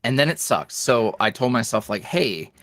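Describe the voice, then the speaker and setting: His mid-range voice has a sing-song lilt, a moderate pace and a slightly bright tone, recorded without echo. A young roleplay creator on a podcast, he chats casually, rambling and self-reflective, with frequent fillers and restarts.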